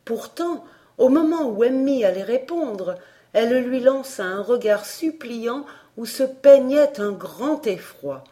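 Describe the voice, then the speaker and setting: Slow, expressive woman reading a storybook. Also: a little high. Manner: expressive and measured. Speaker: audiobook reader. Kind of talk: storybook narration.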